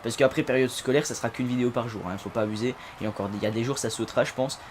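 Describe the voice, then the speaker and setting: A man hosting a casual let's-play video, chatty and excitable, with sudden loud outbursts between low asides. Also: very fast, noisy background. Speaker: gaming video host.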